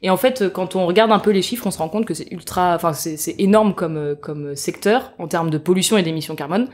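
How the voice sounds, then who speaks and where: A young woman, a guest engineer, describes her work in a casual podcast interview at a festival venue. She speaks briskly in a lowish voice, hesitating often with fillers and restarts, and laughs easily.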